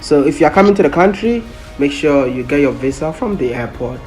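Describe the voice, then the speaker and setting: A man's voice: fairly high pitch, animated, brisk, a little mellow, soft background music. A man from Ghana vlogging his travels in an upbeat, chatty way, full of curious questions. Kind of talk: casual travel vlog narration.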